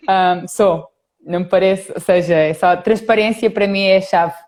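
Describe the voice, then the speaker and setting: A woman hosts a casual live interview over a video call. She pauses often with little fillers while she gathers her thoughts. Her voice sits in an ordinary middle pitch. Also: a little mellow. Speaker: host.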